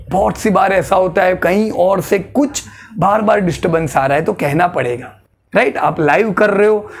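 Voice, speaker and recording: A man teaching presentation skills in a lecture that mixes Hindi and English, animated and demonstrative, often checking in with "right?". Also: gravelly. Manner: animated, demonstrates delivery by shifting pitch and emphasis, frequent "right?".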